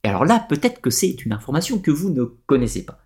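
A man's voice: on the high side, big pitch swings, quick pace, a little mellow. A man presenting a structured lecture, explaining step by step with frequent hesitations.

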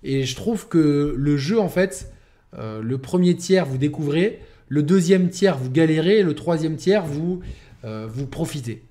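A man's voice: fairly high pitch, lively intonation, unhurried, mellow. A man reviewing a video game in a casual, rambling way, often restarting his sentences. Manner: rambling, many restarts and fillers.

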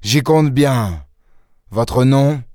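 A man's voice: medium pitch, very slow, dark tone, no room sound, clean studio sound, pitched above the performer's own voice. A man reading an audiobook and voicing a desperate, cornered safecracker who talks in a blunt, clipped, resentful way. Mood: bitter, defeated.

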